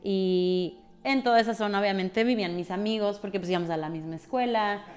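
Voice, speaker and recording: A woman's voice: medium pitch, brisk, darkish tone, soft background music. A woman with a Mexican Spanish accent, a podcast guest who talks freely and thinks aloud with frequent fillers. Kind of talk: conversational interview.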